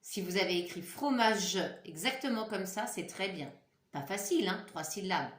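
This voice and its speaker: French schoolteacher lady sounding out syllables for little kids, singsong and slow, roomy echo. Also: mid-range voice, expressive, fairly bright tone. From France. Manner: slow, syllable-by-syllable dictation, encouraging. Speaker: primary school teacher. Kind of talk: dictation lesson for young children.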